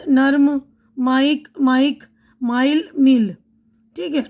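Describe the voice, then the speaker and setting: A woman's voice: high-pitched, a little mellow. A woman teaching English pronunciation, patiently saying each word and then its meaning. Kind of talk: slow spoken-language lesson.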